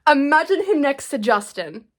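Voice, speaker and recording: High-pitched and sing-song, she talks at a moderate pace. The woman, roughly 19 and close to turning 20, vlogs to camera in a casual confessional style that's dramatic, meandering and self-deprecating.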